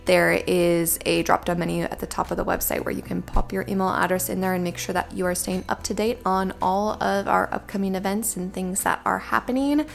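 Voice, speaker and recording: A podcast co-host in her late twenties talks through her thoughts in a casual, reflective way. Her voice has a creaky vocal fry, and filler words pepper her sentences. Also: on the low side, steady tone, fairly quick, hardly any pauses, faint music behind. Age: late 20s. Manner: reflective, chatty, many "like" fillers.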